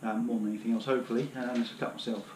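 A man's voice: medium pitch, steady tone, racing, reverberant, heavy background noise. A British man in his thirties, kneeling on his living room floor, showing his hiking gear in a casual, rambling way with many fillers, heard from a camera a few metres off. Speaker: outdoor gear vlogger. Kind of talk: casual demonstration. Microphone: camera on the floor a few metres away.

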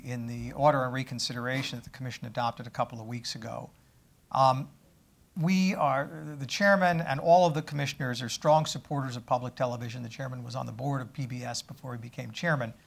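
Measured middle-aged man with gravelly voice. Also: medium pitch. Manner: measured, halting with many fillers. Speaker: government official answering questions. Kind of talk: panel Q&A answers. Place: conference stage with audience.

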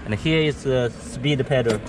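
A man giving a product walkthrough of a go kart outdoors, speaking halting English with many fillers and restarts. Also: mid-range voice. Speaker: factory sales rep showing a go kart. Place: outdoors beside go karts on pavement. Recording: outdoor camera audio with background noise.

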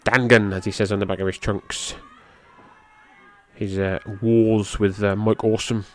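In loose, rambling podcast commentary, a middle-aged native English speaker with a slightly low voice calls a wrestling match at a measured pace. He keeps things casual, swearing here and there, and gets louder and higher-pitched whenever the big moves land.

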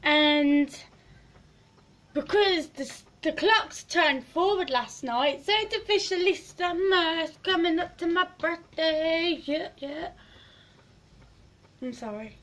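In a very high, animated voice that's wearing out, a teenage girl takes her time chatting in a giggly selfie vlog. She rambles in her small bedroom, volume drifting loud and soft, with the phone camera at arm's length.

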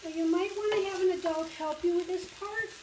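A woman's voice: extremely high pitch, fairly even intonation, a little fast, darkish tone, a little hiss or hum. An older woman patiently explaining a recipe step by step for kids in a home kitchen, recorded by a camera a few feet away. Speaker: library cooking instructor for kids. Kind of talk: cooking demonstration. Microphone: far camera. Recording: echoey kitchen from a distance. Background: faint sizzling of frying meat.

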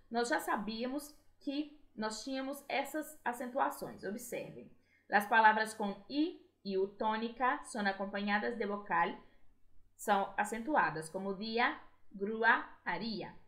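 A woman's voice: fairly high pitch, a bit bright. A woman, teaching a recorded school lesson and checking with "né?" and "tá?". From Brazil. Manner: explanatory, frequent "né?" and "tá?" checks. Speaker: Spanish teacher. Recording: echoey room.

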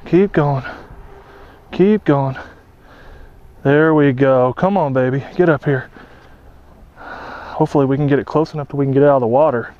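A young man filming his magnet fishing outdoors on a lake dock, chatty and excitable, talking to his viewers. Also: mid-range voice, moderate pace, long pauses, dry recording, muffled recording. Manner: excitable, chatty, keeps addressing viewers as boys. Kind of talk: excited outdoor vlog commentary. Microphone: action camera worn on the body.

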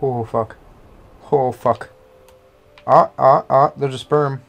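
A woman hosting a co-op let's-play, chatting casually, excitable and swearing at the game. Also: very deep voice, slow, vocal fry, highs cut off. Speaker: co-op gaming host.

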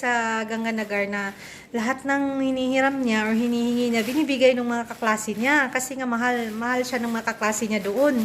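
A woman's voice: on the high side, fairly bright tone, a little hiss or hum. A woman in her thirties from the Philippines, chatting to her vlog audience as a mother at home, laughing often and slipping into English. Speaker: vlogger and mother. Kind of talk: casual chat to camera.

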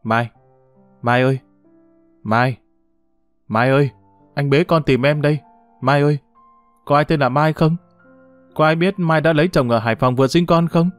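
A man's voice: on the high side, normal speed, long pauses, no echo, faint music behind, lightly acted. A man voicing a desperate young father. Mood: pleading, desperate. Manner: calling out pleading and plaintive. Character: desperate young father searching for his wife.

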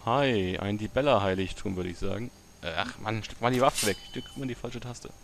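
A man with a fairly low voice talks through his gameplay in a loose, chatty way. He mutters to himself and sometimes bursts out loudly. There is a faint hiss under the recording. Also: brisk. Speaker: let's play gamer. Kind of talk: casual gameplay commentary.

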